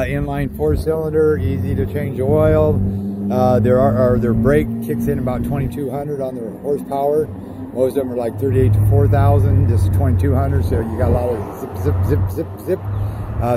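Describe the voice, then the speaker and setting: Plain-spoken man touring a boat outside. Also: medium pitch. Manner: plain-spoken, rattles off specs and part names. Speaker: boat inspector walking through a boat. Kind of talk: casual walkaround commentary. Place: outdoors by a boat trailer. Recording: outdoor recording with clear street noise.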